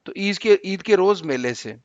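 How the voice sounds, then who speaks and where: Male teacher, patient explaining, high-pitched, dry close recording, a bit dull. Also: lively intonation, a little mellow, dry recording. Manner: patient, explaining words to students. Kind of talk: textbook reading and explanation.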